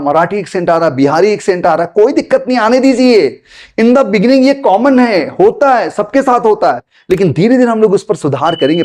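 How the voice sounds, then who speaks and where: A man's voice: high-pitched, darkish tone. A man teaching beginners spoken English, explaining patiently and repeating his points to viewers he calls friends. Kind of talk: spoken English lesson to camera.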